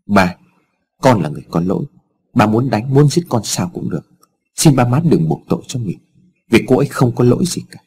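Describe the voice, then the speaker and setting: A man's voice: mid-range voice, expressive, fairly quick, darkish tone, husky. A man playing a defiant headstrong young son. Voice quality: blunt, defiant.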